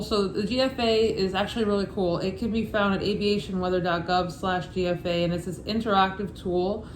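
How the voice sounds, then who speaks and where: A woman with a Brooklyn accent reads a study guide aloud as an informal lesson, casual and matter-of-fact, with offhand asides. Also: medium pitch. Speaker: instructor reading a study guide. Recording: echoey room with faint background noise.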